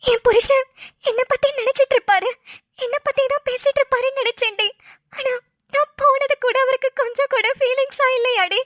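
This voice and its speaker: A woman's voice: very high-pitched, fairly even intonation, fairly quick, a bit bright, no echo, studio quality. A woman voicing a heartbroken young wife in a cartoon, crying and pleading as she speaks. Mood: tearful. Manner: sobbing, pleading. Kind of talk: cartoon voice acting.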